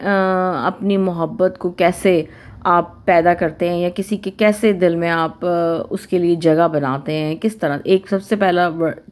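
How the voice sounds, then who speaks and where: A woman with a slightly low voice gives a relaxed talk on family life. She speaks conversationally, stacks up examples in lists, and drops into little acted quotes of parents, spouses and children. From Pakistan. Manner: conversational, repeats and lists points, acts out quoted speech. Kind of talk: informal talk on family relationships.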